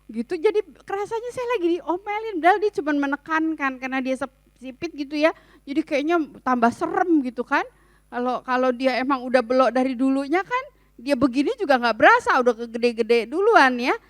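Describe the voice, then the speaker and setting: Middle-aged woman speaker at a family seminar, higher voice, lively and joking with the audience. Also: fairly quick, dry recording. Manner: chatty, addresses the audience often, colloquial fillers; lively, playful humor. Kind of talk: church seminar talk.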